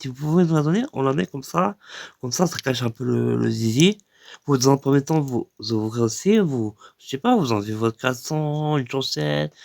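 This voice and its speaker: Rambling gravelly French comic storyteller. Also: male voice, medium pitch, a little mellow, dry recording, clean studio sound. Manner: rambling, full of hesitations, acts out other people's lines. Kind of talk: improvised comic anecdote.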